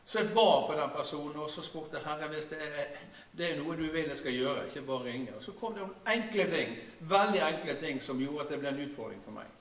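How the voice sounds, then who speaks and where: Pastor in his 60s, chatty halting sermon, bright voice, kinda far off in an echoey room. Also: lively intonation. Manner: conversational preaching with many hesitations, often dropping to a quiet low voice.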